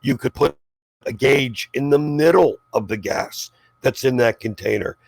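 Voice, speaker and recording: A man's voice: medium pitch, unhurried, creaky, husky, dry recording. A man debating informally in an exasperated, condescending, sweary way.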